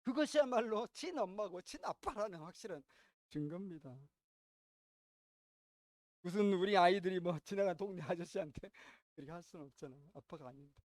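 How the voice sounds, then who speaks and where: High-voiced Korean pastor telling a story. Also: male voice, fairly quick, no room sound, studio quality. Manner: animated storytelling with sharp swings in loudness; addresses the congregation with questions. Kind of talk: sermon.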